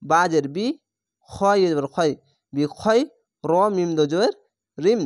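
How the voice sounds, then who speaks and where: Male Quran reading teacher, very slow and deliberate, spelling out letters syllable by syllable; dry, close sound. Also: high voice, dry recording.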